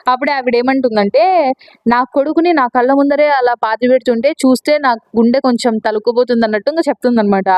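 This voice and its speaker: A woman with a Telugu accent talks through a comic story at a fast clip, retelling each character's words in her own casual voice and slipping English words in. Her voice sits high, and the sound is dry and close. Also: darkish tone, no echo, rough recording. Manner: quick, chatty retelling with English words mixed in. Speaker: manhwa recap narrator. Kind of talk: casual spoken recap narration.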